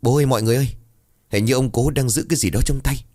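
Startled twenty-year-old, read by a man in an audio ghost story, calling out loudly. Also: medium pitch, rapid-fire, no room sound, studio quality, voice pushed up, lightly acted. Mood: alarmed.

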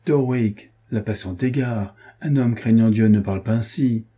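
A drunken, hot-tempered loser at cards, as a man puts him on in an audiobook. He blusters in a raised, husky voice with a dark tone. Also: fairly low pitch, normal speed. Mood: angry. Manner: blustering, angry.

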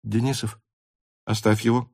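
A man doing a quiet trembling young cadet. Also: medium pitch, little pitch movement, normal speed, gravelly, breathy edge. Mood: tense, quiet. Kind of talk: audiobook character voice.

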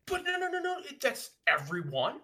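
A man's voice: extremely high pitch, huge pitch swings, a little fast, bright, forceful tone. A man chatting casually as a podcast co-host, telling a story emphatically, swearing and repeating himself. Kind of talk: casual chat.

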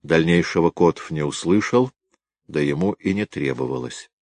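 A man narrating a detective novel aloud in an even, measured reading. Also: rumbling low. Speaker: audiobook narrator.

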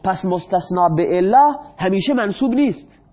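A male teacher who explains grammar in Persian, asks his students questions and answers them himself, and reads the example sentences slowly. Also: high-pitched, lively intonation, highs cut off.

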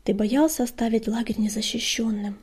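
A woman voicing a stern female cat clan leader who speaks in a calm, firm way in a storybook reading. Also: on the high side, fairly quick, breathy edge.

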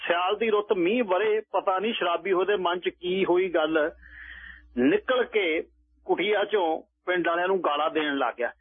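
A man tells a folk tale on the radio in a lively, colloquial way. His voice is high and husky, and the sound is thin and tinny, like a phone line. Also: normal speed, no echo. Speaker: storyteller. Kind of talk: radio story narration.

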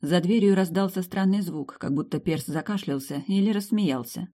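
A woman reading a first-person romance fantasy novel aloud as an audiobook narrator, with lively shifts in tone. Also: fairly low pitch, moderate pace. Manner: lively, sharp tone shifts between quips and narration.

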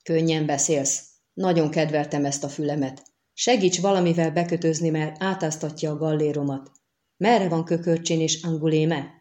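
Lady doing a grumbly tired swordsman, dry, low and dark. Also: steady tone, natural voice. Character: gruff weary male monster hunter.

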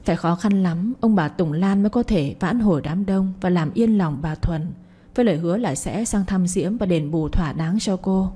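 A woman tells a family drama in a measured, moralizing tone. Her voice is mellow and warm with a slight husk. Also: lowish voice, breathy edge. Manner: measured, commenting on events. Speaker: storyteller. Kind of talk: narrated moralizing story.

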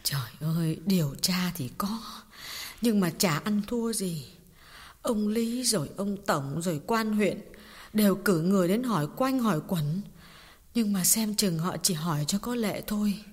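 A woman's voice: medium pitch, expressive, a little slow, husky. A woman voicing a sorrowful middle-aged mother recounting a family tragedy in an audio story. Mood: bitter. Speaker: audiobook voice actor. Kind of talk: audiobook drama reading. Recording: long reverb with faint music.

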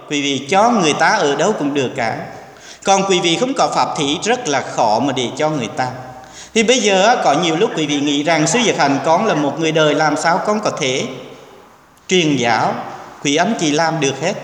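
A man's voice: on the high side, a bit bright. A man, a Buddhist monk, giving an earnest, exhorting sermon to a temple congregation, now and then dropping in English words. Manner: earnest, exhorting, acts out quoted speech. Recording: echoey hall with long reverb.

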